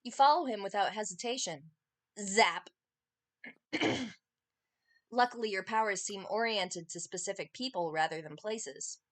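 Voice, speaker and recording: A woman's voice: medium pitch, unhurried, pauses often, no echo. A woman reading a game's second-person narration aloud, adding playful, dry comments. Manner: playful, dry asides between narrated lines. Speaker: game streamer.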